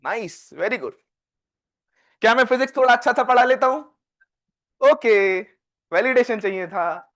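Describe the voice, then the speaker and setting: A male physics teacher with an Indian accent, lecturing a live class and quizzing students with quick questions. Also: very high voice, expressive, fairly bright tone. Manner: dictates questions slowly, word by word.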